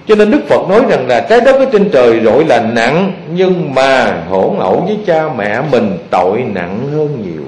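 A man, a Buddhist monk, preaching to his followers in a lively storytelling manner and often asking the audience questions. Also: mid-range voice, moderate pace, hardly any pauses, a little hiss or hum. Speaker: Buddhist monk giving a dharma talk. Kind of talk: sermon to lay followers. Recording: echoey hall.

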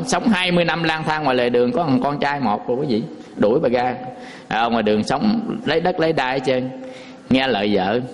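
A Buddhist monk gives a homely dharma talk, telling folksy stories and often turning to his listeners with rhetorical questions. His voice is high for a man, and the sound rings with a long reverb, as in a large hall.

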